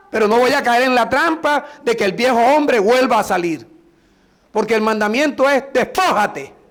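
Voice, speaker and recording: A middle-aged Colombian pastor preaches a sermon, his voice sitting high as he delivers emphatic, drawn-out phrases and prayers.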